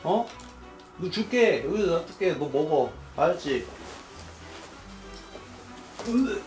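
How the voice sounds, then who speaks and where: Man, ghost-hunting host, comic vlog, lively swooping voice, swearing banter, indoors at home, music behind. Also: a little high, takes it slowly. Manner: bantering and swearing at an unseen ghost, swinging between hushed and shouting. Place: indoors in a house on a home visit.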